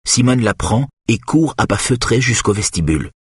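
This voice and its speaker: Male narrator, husky, lowish voice, dry studio sound, steady thriller reading. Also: moderate pace, dry recording. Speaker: audiobook narrator.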